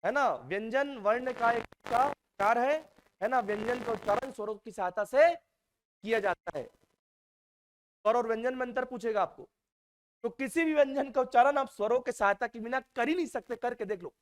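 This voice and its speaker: A man's voice: very high-pitched, normal speed. A male teacher giving a classroom lecture, quizzing his students and repeating key terms.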